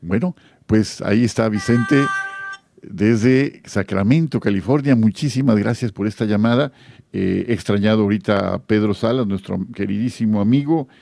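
Low, gravelly Mexican radio host. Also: male voice, normal speed. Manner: warm pastoral tone, frequent fillers. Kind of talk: live radio call-in chat.

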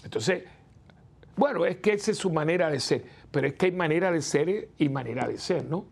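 Gravelly-voiced priest talking with his listeners. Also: fairly high pitch, lively intonation, brisk. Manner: chatty, asks the listeners rhetorical "¿no?" questions; acts out the people he quotes. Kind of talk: conversational preaching talk.

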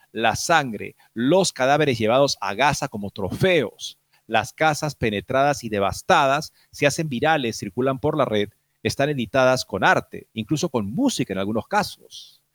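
Man, news commentary host, formal measured reading, dry close sound, mid-pitched voice. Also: no room sound. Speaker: program host.

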